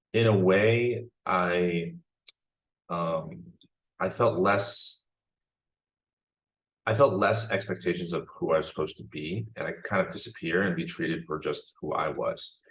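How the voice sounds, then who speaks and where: A man's voice: low voice, a bit bright, poor audio. A young man, a filmmaker, answering interview questions in a reflective, rambling way with many restarts. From born in China, raised in the United States. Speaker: guest filmmaker.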